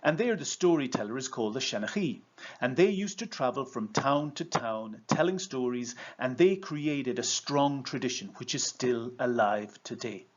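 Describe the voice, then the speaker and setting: Casting: Irish man, 50s, mid-pitched, measured storytelling presenter and trainer, slightly dull lo-fi recording. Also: lively intonation. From Ireland. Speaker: coach and trainer. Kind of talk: prepared video presentation with storytelling.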